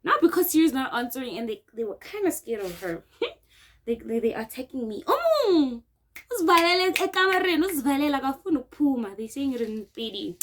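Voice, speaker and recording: Young South African woman vlogger, animated storyteller, higher voice, local slang. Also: a little fast, low-quality recording. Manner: animated, acts out quotes, mixes in local words. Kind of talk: casual storytime while doing makeup.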